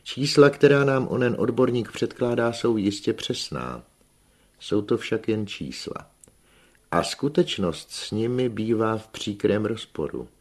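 A self-assured hunchback holds forth about his grand plans in a raised, insistent tone, as a male narrator puts him on. The voice is husky and fairly deep under the lift, with lecturing emphasis on every point. An audiobook reading. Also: lively intonation, a little mellow. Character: pompous scheming middle-aged male hunchback rabbit breeder.

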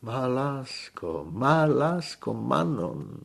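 A man voicing a desperate, lovesick young peasant who pleads loudly and tearfully. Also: mid-range voice, big pitch swings, creaky. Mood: desperate pleading.

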